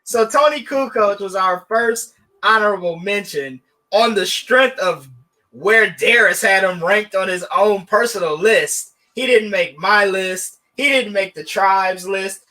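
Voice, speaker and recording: A man co-hosting a podcast, animated and joking, with sarcastic asides in casual sports debate. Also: high voice, a little slow. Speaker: podcast co-host.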